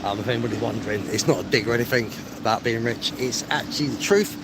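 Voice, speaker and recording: A travel vlogger from England, medium-pitched and a fast talker, walks outdoors on the streets while casually addressing his live stream. His talk is rambling and matey, and he tends to put himself down. Street noise and traffic are clearly audible.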